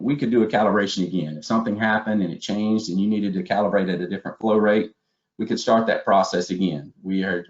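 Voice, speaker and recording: A man's fairly low, slightly mellow voice carries a step-by-step instructional slide narration delivered methodically in the role of a webinar trainer. The sound quality is dull and lo-fi.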